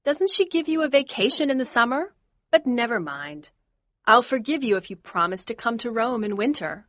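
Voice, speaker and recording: A lively teasing young lady. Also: a little high, moderate pace, no room sound. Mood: sarcastic. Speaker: Daisy Miller. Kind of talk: audiobook dialogue acting.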